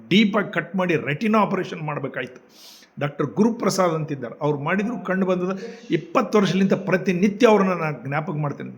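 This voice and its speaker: An older man, a kidney patient giving an earnest, pleading health appeal. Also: on the high side. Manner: pleading, repeats requests politely.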